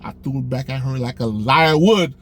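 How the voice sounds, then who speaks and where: A young man casually telling a personal story, animated, acting out the dialogue with a raised voice. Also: medium pitch, normal speed, slight background noise. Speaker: storyteller vlogger.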